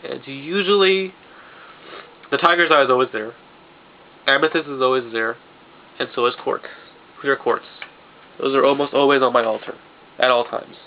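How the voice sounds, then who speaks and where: A young vlogger with a stuffed-up nose talks loosely in a casual monologue, often restarting his sentences. His medium-pitched voice moves at normal speed with frequent pauses, recorded as dull lo-fi home video with a faint hiss.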